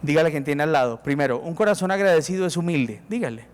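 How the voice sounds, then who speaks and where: A man's voice: a little high, animated, quick pace. A man with a Colombian accent preaching a sermon as pastor, emphatic and acting out prayers to God. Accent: Colombian Spanish. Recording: reverberant hall.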